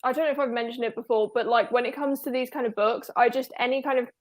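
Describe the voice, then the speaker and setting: A woman hosts an online book club over a casual video call, talking fast in a slightly high voice with fairly even intonation. She is chatty and rambling, full of fillers and restarts.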